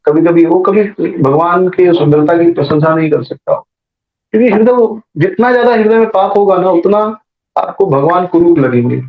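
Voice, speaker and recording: A man's voice: sits high, normal speed. A man giving a sermon as a storyteller, acting out the voices in his story and adding joking asides. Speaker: preacher. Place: temple hall. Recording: echoey dull temple hall recording.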